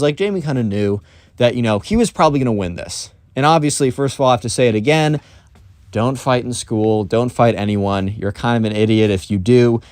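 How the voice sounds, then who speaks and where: A man's voice: medium pitch, darkish tone, no echo, studio quality. A man telling a story on his vlog in a casual, rambling way, full of fillers. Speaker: storytime YouTuber.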